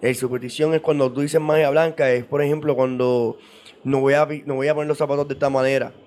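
A man's voice: medium pitch, flat delivery, quick pace, a little mellow. A man explaining in casual interview talk, at length, with frequent repeats and restarts. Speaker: guest on esoteric topics.

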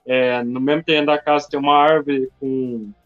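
A man's voice: mid-range voice, flat delivery, moderate pace, fairly bright tone. A man from Brazil chatting casually, full of slang and filler words. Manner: slangy, peppers speech with "mano" and "tá ligado". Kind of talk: casual chat. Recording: dull lo-fi recording with faint music.

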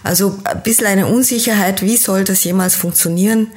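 A woman's voice: medium pitch, fairly quick, a little mellow. A woman from Kenya who works as a team-building coach, a guest in an interview, explaining at length and thoughtfully, with frequent hesitations.

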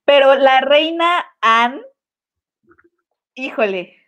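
A Mexican woman with a fairly high voice, chatting casually on a podcast. She is animated and laughs often, and she mimics other people's voices. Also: extremely slow, muffled recording. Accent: Mexican Spanish. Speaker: podcast co-host. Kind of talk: casual chat.

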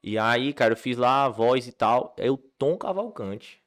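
A man's voice: medium pitch, measured pace. A man from Ceará, a comedian telling stories in a casual chat, full of fillers and restarts. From Ceará, Brazil. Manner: animated storyteller, many fillers and restarts. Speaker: comedian guest.

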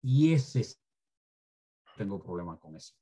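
A man's voice: fairly low pitch, big pitch swings, unhurried, dark tone, slightly rough. A former Spanish teacher being interviewed, a man who speaks emphatically and lectures about careless language use. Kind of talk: interview, opinionated commentary on language.

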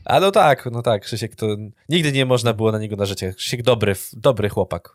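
A young man co-hosting a casual chat, joking and animated, laughing often. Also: medium pitch, fairly quick, no echo, clean studio sound. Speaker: podcast co-host. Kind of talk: casual banter.

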